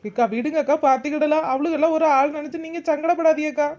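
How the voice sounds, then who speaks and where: A woman plays a loyal young village neighbor in a cartoon. She speaks, high-pitched and fast. Her manner is firm and reassuring. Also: steady tone, a little mellow, lo-fi sound, natural voice.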